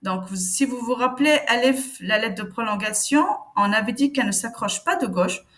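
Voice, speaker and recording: A woman teaching Arabic reading step by step, patiently sounding out syllables slowly for learners. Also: on the high side, fairly bright tone. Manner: patient, slow demonstrations of each syllable.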